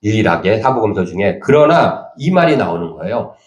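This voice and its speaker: A man's voice: fairly low pitch, fairly quick. A man preaching a sermon as pastor, talking animatedly and acting out the lines he quotes. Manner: animated, acts out quoted speech. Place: church sanctuary. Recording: echoey church hall.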